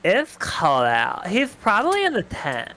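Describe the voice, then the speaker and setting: A man's voice: high-pitched, wildly swooping pitch, unhurried, bright, forceful tone. A man chatting casually as a co-streamer on a game livestream. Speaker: co-streamer reading game dialogue.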